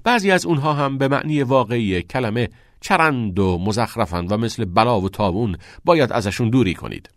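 A man's voice: medium pitch, no room sound, studio quality, natural voice. A man voicing a passionate, unconventional male teacher who talks expressively and teases his students. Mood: earnest. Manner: expressive, teasing.

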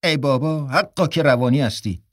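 A man's voice: mid-range voice, dry recording, lightly acted. Exasperated sarcastic man read by a male narrator: grumbling, exclaiming, dry audiobook read. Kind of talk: audiobook character reading.

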